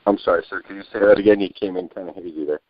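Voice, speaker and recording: A man in his thirties with a low voice runs a community call and talks fast and loosely. The sound is dry and muffled, like call audio. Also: steady tone, dry recording. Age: 30s. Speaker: call host. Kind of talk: casual conference call chat.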